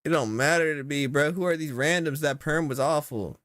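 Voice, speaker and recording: A young man giving casual reaction commentary, slangy and exasperated, with sudden loud outbursts. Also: on the high side, moderate pace, no room sound. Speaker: content creator.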